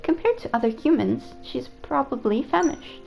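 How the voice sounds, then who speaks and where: A polite robot AI caretaker frets over a human's safety, as a woman reads his lines from a video game. The voice sits a touch high with a gravelly fry running through it. Soft game music plays faintly underneath. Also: animated, normal speed, heavily acted, low-quality recording. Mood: concerned. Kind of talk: reading game dialogue aloud.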